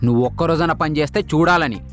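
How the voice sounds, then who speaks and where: An actor playing an office manager who scolds a lazy employee with dry, stern remarks. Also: male voice, fairly high pitch, rapid-fire, fairly bright tone, faint music behind, natural voice. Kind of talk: web series acting.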